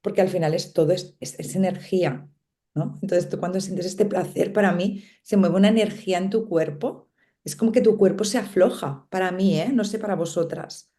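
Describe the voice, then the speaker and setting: A middle-aged woman with a Spain Spanish accent speaks as a panel guest in casual conversation. Her voice sits a little low and sounds mellow and soft. She talks in a thoughtful, musing way, checking in with her listeners as she goes. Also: moderate pace. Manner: reflective, lots of tag questions and small laughs.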